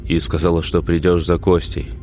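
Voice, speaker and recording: A man doing a weak, gruff old father. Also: low-pitched, little pitch movement, normal speed, a little mellow, soft background music, natural voice. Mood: weary. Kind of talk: audiobook character voice.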